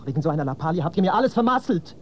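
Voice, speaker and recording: A man's voice: fairly high pitch, very animated, racing, a little hiss or hum. An actor playing a brooding, arrogant teenage boy in a radio play, curt and dismissive. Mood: defiant.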